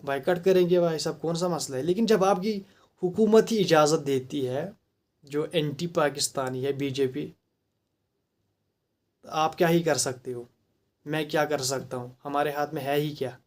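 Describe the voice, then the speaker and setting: A man's voice: fairly high pitch, moderate pace. A man with a Kashmiri accent giving a heated, rhetorical opinion monologue, mixing English phrases into his talk. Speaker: commentator.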